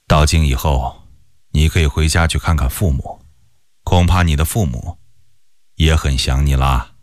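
A man's voice: a bass voice, no room sound, studio quality, pitched below the performer's own voice. A man voicing a grave, resolute old-time general. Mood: kindly. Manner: firm, grave and measured. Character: resolute loyal Ming general, middle-aged man.

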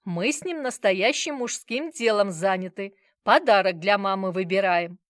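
A doting grandfather from an audiobook, teasing and instructive in a playful way, read by a woman. The delivery is animated, loud and lively. The recording is dry. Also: medium pitch, unhurried, no echo, pitched above the performer's own voice. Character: doting, bossy grandfather holding toddler. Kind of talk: audiobook character reading.

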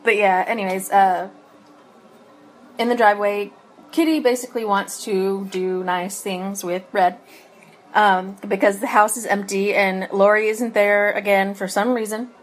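A woman's voice: medium pitch, fairly even intonation, unhurried. A woman co-hosting a casual podcast chat, recapping an episode with frequent laughs and ums. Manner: laughs often, many ums and restarts; eating while talking.

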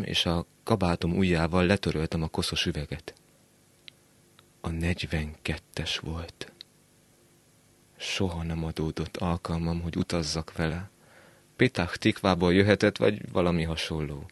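A man reading a short story aloud on a literary radio show, measured and quiet. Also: deep voice, no room sound. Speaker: reader.

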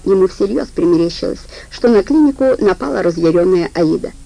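Gravelly woman reading a crime audiobook. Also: lowish voice, lively intonation, a little fast, warm tone, poor audio. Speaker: audiobook narrator. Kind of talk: scripted audiobook narration.

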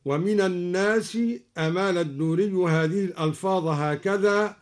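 A man from Egypt giving a radio lesson on recitation variants, calmly explaining each point and then chanting the verse slowly and melodically. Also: high voice. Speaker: Quran recitation teacher.

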